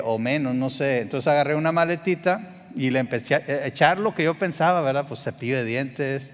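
A man with a Mexican accent preaching to his congregation in a relaxed storytelling manner, often checking in with "¿verdad?". His voice sits a bit high for a man. The sound rings with the long reverb of a large hall. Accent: Mexican Spanish. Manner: conversational, frequent "¿verdad?" asides to the congregation. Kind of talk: sermon with a personal story.

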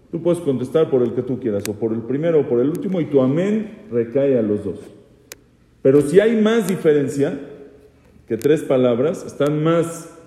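Dark-voiced rabbi in an echoey hall. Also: male voice, medium pitch. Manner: poses rhetorical questions, teasing asides. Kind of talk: Torah law lesson. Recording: echoey hall with long reverb.

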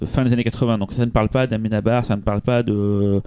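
A man talks casually on a podcast, wandering through his thoughts with lots of restarts. His voice sits low and sounds mellow rather than bright. The sound is dry and close. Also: little pitch movement, quick pace, smooth, no echo. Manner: rambling, many restarts and hesitations. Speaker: podcast co-host presenting a film. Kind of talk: casual chat.

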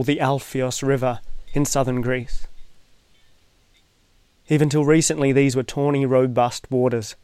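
Man, calm essay narrator, level delivery, dry close-miked sound, wry asides. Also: medium pitch, smooth, dry recording.

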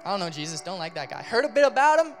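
A man's voice: high-pitched, very animated, rapid-fire, music in the background. A man playing a flustered man who stammers out nervous denials. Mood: panicked denial. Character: flustered man denying his friend.

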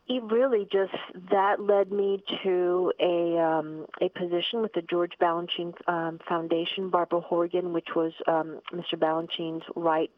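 A woman's voice: deep voice, dry recording. An older woman born in Cuba and raised in Miami, chatting as a podcast guest with many fillers and restarts. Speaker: guest, ballet company artistic director. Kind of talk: podcast interview. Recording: phone-like line, dry.

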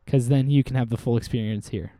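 A man's voice: medium pitch, fairly even intonation, quick pace, dark tone. A man co-hosting a casual podcast, joking and laughing often as he talks to a desk microphone. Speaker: podcast co-host. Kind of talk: casual chat.

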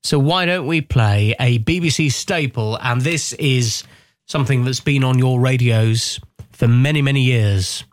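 Male radio presenter, conversational and casual, medium pitch, very little room sound. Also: unhurried, dry recording, clean studio sound. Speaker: radio host.

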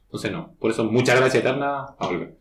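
Chilean man, mid-pitch, casual slangy storyteller, echoey room. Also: lively intonation, fast talker, slight background noise. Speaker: guest, horror writer. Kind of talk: casual podcast conversation.

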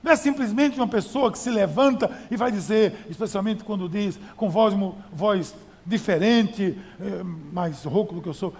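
A man's voice: high-pitched, moderate pace, hardly any pauses, a little mellow, long reverb tail. A male pastor preaching a sermon in a conversational style, with rhetorical questions and emphatic repetition.

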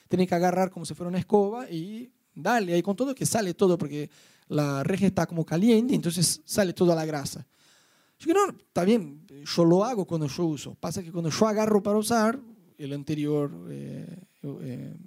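A man with a Rioplatense Spanish accent and a high voice, preaching a sermon. He tells it like a personal story, chatty and full of slang, and acts out the people he quotes. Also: a little mellow. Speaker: pastor.

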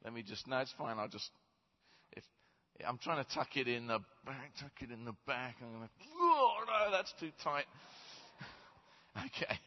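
A man's voice: medium pitch, sing-song, moderate pace, pauses often. A man preaching a sermon in a large church on a headset mic, chatty and self-deprecating. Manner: self-deprecating, conversational storyteller. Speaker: guest preacher. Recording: roomy church reverb, slightly dull.

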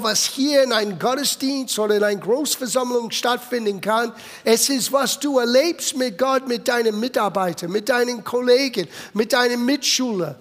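A pastor preaching a sermon in German as a non-native speaker whose first language is English, emphatic and swinging between loud urging and quiet asides. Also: male voice, extremely high pitch. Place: church hall. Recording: long reverb of a church hall.

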